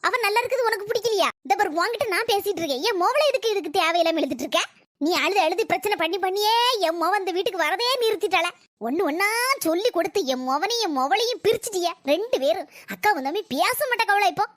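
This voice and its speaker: Performer doing an old nagging mother-in-law, very high voice, rapid sarcastic complaints, dry sound. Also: lively intonation, dry recording. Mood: quarrelsome. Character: elderly grumbling mother-in-law, quarrelsome and self-pitying.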